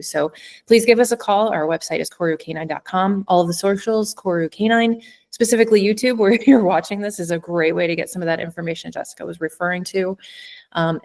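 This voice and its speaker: Woman host, emotional, choked up, gravelly, lowish pitch, halting grateful delivery. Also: a little mellow. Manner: heartfelt and grateful, with halting restarts. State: emotional, near tears. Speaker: host, dog trainer. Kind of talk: closing remarks of an interview.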